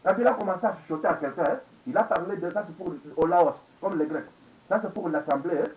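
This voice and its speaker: Recorded indoors on a webcam, a man in his 40s rants angrily and rambles, repeating phrases, asking rhetorical questions and code-switching into English. He talks fast in a high, slightly mellow voice, and the lo-fi recording is echoey and dull.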